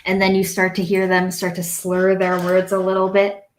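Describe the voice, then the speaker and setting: A woman narrating as dungeon master in an unhurried, descriptive way, with small self-corrections. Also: medium pitch, completely flat delivery. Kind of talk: narrating a tabletop game. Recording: echoey room.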